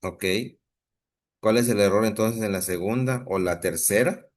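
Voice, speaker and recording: Brief: Mexican man, teacher, lowish voice, patient, keeps checking the class follows, video call. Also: a little slow. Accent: Mexican Spanish. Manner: patient, checks in often with students. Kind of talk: online class lesson.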